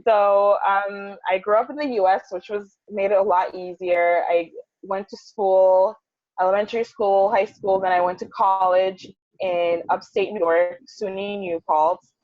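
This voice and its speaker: A woman's voice: mid-range voice, fairly even intonation, a little slow, no room sound. Young woman on a bad video-call connection. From United States. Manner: chatty, storytelling answers. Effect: choppy bad video-call connection. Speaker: interview guest, English teacher. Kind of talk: casual video-call interview. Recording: dull lo-fi call audio, dry.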